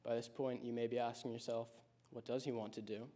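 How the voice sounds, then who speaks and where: This high school senior, a teenage boy in his late teens, reads a personal speech he wrote in advance, telling his story in a thoughtful, measured way. He keeps a fairly level pitch with a flat delivery, and his voice sits on the mellow, darker side.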